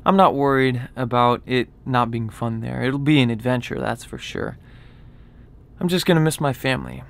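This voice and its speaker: A man's voice: medium pitch, fairly even intonation, normal speed, gravelly. A young man talking casually and confidingly to the camera as a vlogger. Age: young adult. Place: small wood-panelled boat cabin. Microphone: camera close in front.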